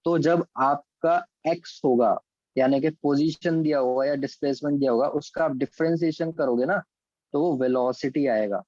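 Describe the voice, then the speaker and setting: A slightly high, darkish voice at normal speed belongs to a physics and maths teacher with an Indian accent. He explains calculus step by step in an online class, mixing English terms into Hindi and checking in with students by name. The audio is dry, with the highs cut off.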